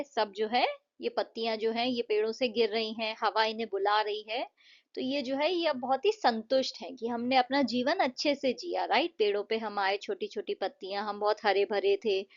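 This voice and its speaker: A woman teaching English in Hindi. She explains a poem line by line, fills pauses with "jo hai", and keeps checking with "right?". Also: on the high side, highs cut off.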